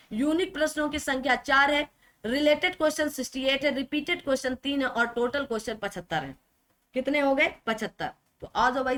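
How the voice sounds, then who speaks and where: A woman's voice: sits high, a bit bright. A woman teacher giving an online exam-prep lesson, repeating words over and over and asking and answering her own questions.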